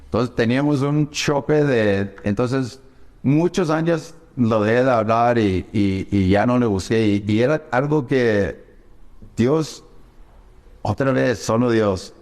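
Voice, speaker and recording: A man's voice: mid-range voice, slow pace, a little mellow, in a large hall. A man, a pastor from the United States, telling his personal testimony in an earnest, emotional way.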